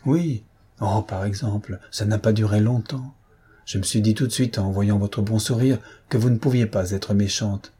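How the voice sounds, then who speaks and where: A man voicing a lively, candid young wife in a read-aloud novel, raising his voice for her. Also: on the low side, moderate pace, husky. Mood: earnest.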